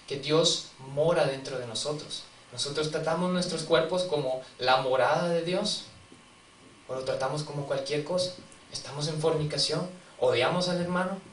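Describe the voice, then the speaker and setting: A male preacher tells stories and asks his congregation questions in an easy, conversational way. His voice sits a little high and is picked up from afar in a reverberant church, with a faint room hum behind him. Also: normal speed, a bit bright. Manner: conversational storytelling, acting out quotes, asking the congregation questions. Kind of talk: sermon. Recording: distant mic in a reverberant church, faint ambience.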